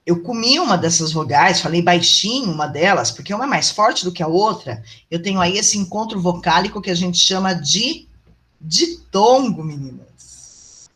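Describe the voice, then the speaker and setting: A woman's voice: on the low side, expressive, moderate pace, fairly bright tone. Brazilian woman lecturer on a video call, chatty and affectionate, keeps checking in with students. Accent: Brazilian Portuguese. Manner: chatty, affectionate, asks the class "tá bom?". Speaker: teacher. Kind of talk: online university lecture.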